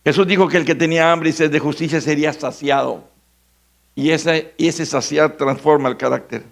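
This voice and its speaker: A Mexican pastor preaching with a high, gravelly voice. He is dramatic and theatrical, acting out the voices of biblical figures and swinging between loud cries and near whispers. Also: steady tone, moderate pace. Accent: Mexican Spanish. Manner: dramatic, acts out biblical voices, shifts from shouting to hushed. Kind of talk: sermon.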